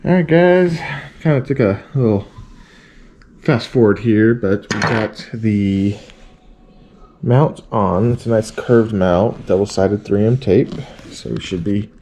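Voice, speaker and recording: A man's voice: lowish voice, slow pace, warm tone, slight background noise. A man giving a casual how-to vlog, laid-back and thinking aloud as he goes. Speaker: vlog host.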